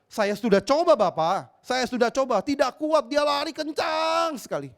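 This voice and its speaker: A man voicing a terrified young boy who begs his father for mercy, in a high, strained, pleading voice. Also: animated, moderate pace, gravelly, full character voice. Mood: frantic.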